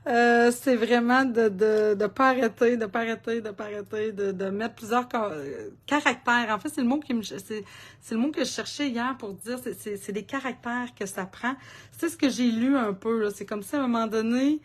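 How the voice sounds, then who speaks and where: A woman's voice: a little high, moderate pace. A woman with a Québécois accent hosting a live card-making demo, chatting in a rambling, talkative way and laughing often. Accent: Québécois French.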